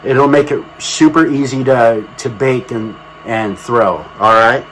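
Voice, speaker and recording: A man's voice: medium pitch, slow pace, fairly bright tone, a little hiss or hum, poor audio. A man chatting casually to camera as a product reviewer, with a folksy, colloquial and emphatic way of talking. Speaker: product reviewer and channel host.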